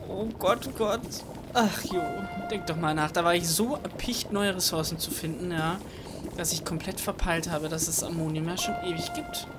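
At night in a room at home, a woman hosting a let's play talks over her gameplay into a desk microphone, with music in the background. Her voice is lowish and steady at a normal speed, and she's chatty and self-mocking, thinking aloud with plenty of fillers.

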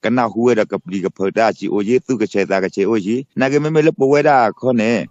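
A man co-hosting a casual chat, talking in long, rapid, run-on stretches. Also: medium pitch, expressive, a little mellow, no echo, highs cut off.

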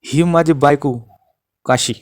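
Brief: narrator playing a terrified stammering young husband in a storybook, raised shaky pitch, dry sound. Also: male voice, slow, dry recording. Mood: scared.

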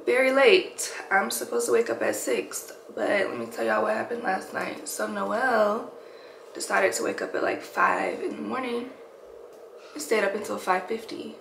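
A woman's voice: medium pitch, moderate pace, creaky. A woman vlogging casually to her viewers, a working mom who has just woken up and sounds sleepy, repeating phrases for emphasis. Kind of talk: casual chatty vlog. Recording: echoey room with faint noise.

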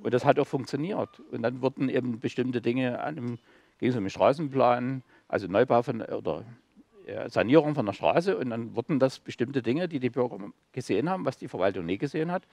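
A man's voice: medium pitch, animated, a little fast, gravelly, darkish tone, no echo. A man who sits on a local council, talking as a guest on a talk show in a hesitant, explanatory way with many fillers. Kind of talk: casual talk-show conversation.

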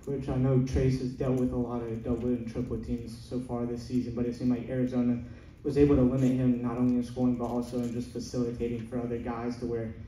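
A man's voice: medium pitch, level tone, fast talker, dark tone. A man, a reporter, asking a long winding question at a press conference. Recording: roomy, distant, faint noise.

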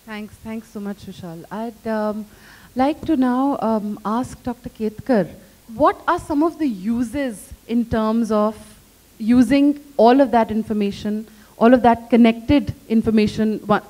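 A woman's voice: fairly high pitch, a little slow, warm tone. A woman moderating a stage panel into a handheld mic, posing questions in a conversational way with hesitant fillers.

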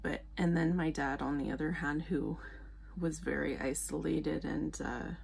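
A woman vlogger talking quietly late at night, rambling with lots of fillers. Her voice is low and husky, with heavy vocal fry. She keeps things casual and close to the mic. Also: fairly even intonation, a little slow. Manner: talks quietly, rambling with frequent laughter.

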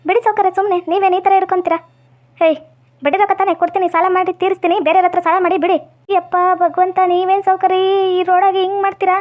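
A young woman with a North Karnataka Kannada accent playing a spirited unmarried village woman who talks back quickly. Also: extremely high pitch, little pitch movement. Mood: protesting. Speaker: actor in a village skit. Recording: dull lo-fi audio.

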